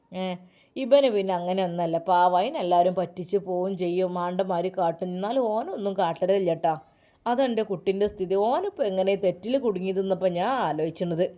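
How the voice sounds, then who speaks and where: A woman voicing an elderly, grieving mother who pleads through tears. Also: natural voice. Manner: sobbing, softer and lower than the narration. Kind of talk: storytelling with acted dialogue.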